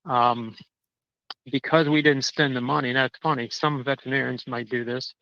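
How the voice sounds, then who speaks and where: A man calling in on a crackly phone line that fades in and out, walking a dog outdoors and telling his story in a halting, indignant way, often repeating words. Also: mid-range voice, fairly even intonation, creaky, pushed and bright. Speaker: caller. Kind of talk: casual chat. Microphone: cell phone.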